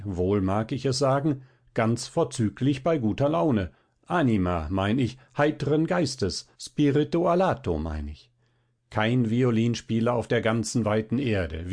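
A man's voice: mid-range voice, sing-song, unhurried, a little mellow. Brief: man reading as a vain, fiery violinist, ranting in a level middle register. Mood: boastful. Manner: indignant, theatrical outbursts. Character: proud, hot-tempered Italian violinist man.

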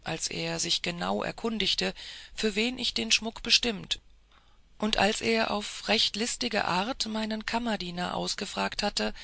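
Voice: medium pitch, measured pace, creaky, bright, forceful tone, heavily acted. A reader playing a proud soldierly count. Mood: earnest. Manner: emphatic, raised delivery. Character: proud male officer, forceful and earnest.

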